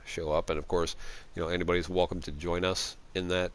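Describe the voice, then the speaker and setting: A man chats loosely on a live game stream, trailing off and filling gaps with "uh" as he troubleshoots. His voice sits low and sounds smooth and clear. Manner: relaxed, halting with fillers while troubleshooting. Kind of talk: casual live-stream chat.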